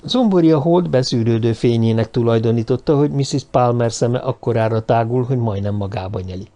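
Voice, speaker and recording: Male narrator, calm and measured, warm mellow tone, mid pitch. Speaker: audiobook narrator. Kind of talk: scripted narration.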